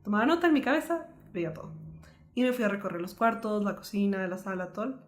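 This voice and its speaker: Fast-talking young woman telling a hard story. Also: mid-range voice. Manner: earnest, fast-flowing, lively retelling. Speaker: podcast co-host sharing a personal story. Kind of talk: candid personal storytelling.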